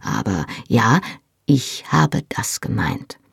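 Reader as a young Highland husband with quiet, teasing humor, gravelly voice, dry close sound. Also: wildly swooping pitch, slow, no room sound, exaggerated voice. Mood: fond amused. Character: young Highland man, warm and amused husband.

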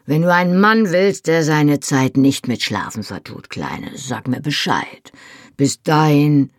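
The audiobook reader voicing a loud, lusty, burly Highland man who teases in a boisterous, bantering way. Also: lively intonation, measured pace, no room sound, studio quality, lightly acted. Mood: boisterous teasing.

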